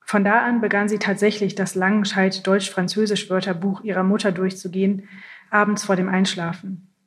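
A woman narrating a literary audiobook in the first person, reading in a calm, measured way. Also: mid-range voice.

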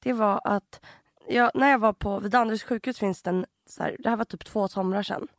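A woman co-hosting a podcast in casual chat, an animated storyteller who acts out other people loudly. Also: mid-range voice, no echo, clean studio sound. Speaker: podcast co-host.

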